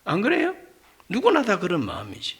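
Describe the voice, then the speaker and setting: A middle-aged male pastor preaching a sermon, acting out dialogue with loud exclamations and quiet asides. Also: high voice, wildly swooping pitch, a little fast, breathy edge.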